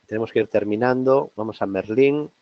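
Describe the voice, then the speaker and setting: A man from Spain with a sore throat presents a trading seminar in a halting, conversational way. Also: fairly low pitch, no room sound, highs cut off. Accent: Spain Spanish. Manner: hesitant, many fillers and restarts, conversational. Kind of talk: live market analysis webinar.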